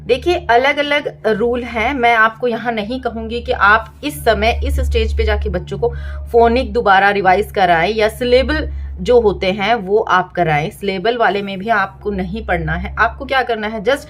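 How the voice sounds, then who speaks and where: Tutorial host, woman, thirties, a bit high-voiced, patient, breaks words into syllables and spells them letter by letter. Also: moderate pace. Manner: repeats "theek hai" as a check-in. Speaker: parenting and teaching channel host. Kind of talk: explanatory home tutorial.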